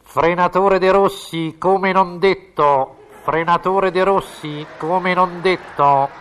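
A man voicing a station loudspeaker announcer. The voice sounds crackling and tinny, as if it comes through an outdoor loudspeaker, and it repeats the same call insistently in a comic radio monologue. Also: sits high, fairly even intonation, slow, clean tone. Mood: deadpan.

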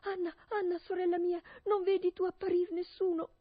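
A woman's voice: fairly even intonation, normal speed, no echo, muffled recording. A woman reading a radio storybook, voicing a terrified young wife who pleads and cries out for help. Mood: desperate pleading. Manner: pleading, high, tearful.

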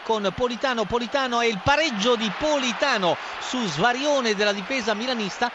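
Very high-pitched man giving football updates. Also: fairly quick. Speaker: football commentator. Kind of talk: live radio score updates. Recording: clear background noise.

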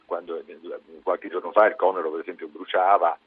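Low, husky man on a phone-like line. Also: fairly even intonation, a little fast, dry recording. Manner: hesitant, explanatory, word-searching. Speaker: journalist guest. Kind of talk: spoken interview on radio. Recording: narrow phone-like line, dry.

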